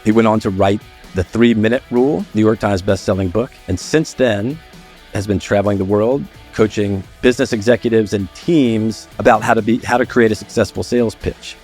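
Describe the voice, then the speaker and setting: A man's voice: on the low side, brisk, a little mellow, soft background music. A man hosting a podcast, reading a scripted intro and then asking loose questions with plenty of fillers. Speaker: podcast host.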